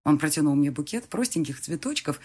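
Expressive woman reading an audiobook. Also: low-pitched, brisk, breathy edge. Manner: expressive, animated. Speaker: audiobook narrator. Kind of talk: first-person audiobook narration.

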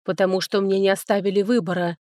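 A level-headed elder-sister duchess, voiced by a female audiobook reader, cool and measured, a touch condescending. The voice sits near the reader's own middle pitch, in a dry close recording. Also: fairly even intonation, darkish tone, dry recording, lightly acted. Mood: composed. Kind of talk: audiobook character voicing.

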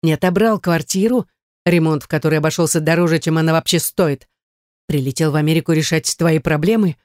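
An audiobook reader voicing an angry ex-husband who speaks in gruff, sarcastic bursts. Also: male voice, a little high, brisk, a little mellow, dry recording, clean studio sound, close to an everyday voice. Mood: indignant. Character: angry wealthy ex-husband, hot-tempered, blunt. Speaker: audiobook character. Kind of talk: audiobook reading.

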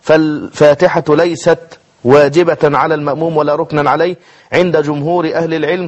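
A man teaching Islamic jurisprudence in a televised lesson, slowing down to model the correct pronunciation of letters. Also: a little high. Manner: explanatory, slows to model pronunciation.

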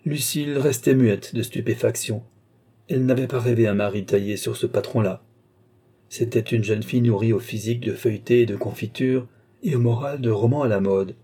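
A man giving a measured, even literary audiobook narration. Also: medium pitch, breathy edge. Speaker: audiobook reader.

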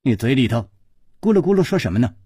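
A man voicing a sharp-tongued young married woman who scolds and teases in a low, cold voice. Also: very animated, fast, slightly rough, no echo, studio quality. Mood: teasing.

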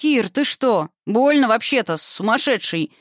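A woman's voice: fairly high pitch, lively intonation, measured pace, dry recording. Woman voices a teasing youthful shadow creature, audiobook, dry. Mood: indignant. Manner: teasing, playful. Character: mocking young male shapeshifting darkness creature.

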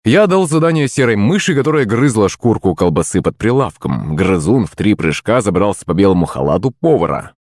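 A man's voice: fairly low pitch, very animated, fairly quick, a little mellow, dry recording, studio quality. A man reading a first-person audiobook expressively, giving the characters their own voices. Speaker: audiobook narrator.

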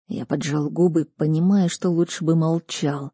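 A woman narrating an audiobook in a measured, even manner. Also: low voice, breathy edge, no room sound, studio quality. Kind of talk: scripted narration.

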